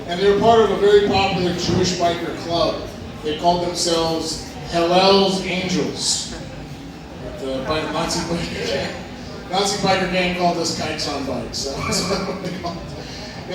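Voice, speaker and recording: A man's voice: sits high, normal speed. Rambling male comic in an echoey club. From Hawaii. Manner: crude, rambling, laughs at own jokes. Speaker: stand-up comedian. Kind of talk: stand-up comedy set. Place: comedy club stage. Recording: echoey club from a distance, crowd.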